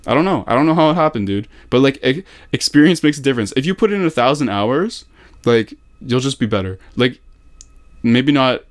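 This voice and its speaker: Sitting at his desk in a small home room with a desktop condenser mic, a young man coaches gaming on a call. His medium-pitched voice is expressive and brisk as he offers slangy, casual encouragement, driving points home through emphatic repetition.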